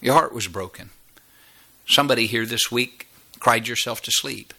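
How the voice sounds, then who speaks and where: Man, 50s, pastor; sermon delivery that swells high and sinks low, bright and pointed. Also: moderate pace, creaky. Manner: preaching with sweeping rises and drops in voice.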